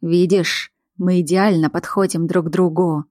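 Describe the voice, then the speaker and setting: Brief: female narrator doing a calm, controlling male werewolf alpha, slow and low-pitched. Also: no room sound, studio quality, close to an everyday voice. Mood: menacing.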